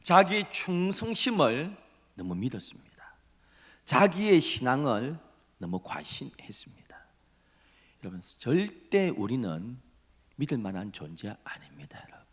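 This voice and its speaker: A middle-aged man from Busan with a Busan accent, preaching a dramatic sermon that swings from loud emphasis to breathy whispers. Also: mid-range voice, sing-song, measured pace. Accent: Gyeongsang (Busan) Korean. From Busan, South Korea. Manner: dramatic preaching, drops to breathy whispers, acts out quoted voices. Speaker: pastor. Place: church sanctuary. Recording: long reverb of a church hall.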